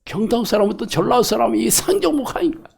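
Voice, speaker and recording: A middle-aged man preaching a lively, colloquial sermon as a pastor, acting out quoted voices and laughing along. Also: very high voice, very fast, creaky, breathy edge. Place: church or hall.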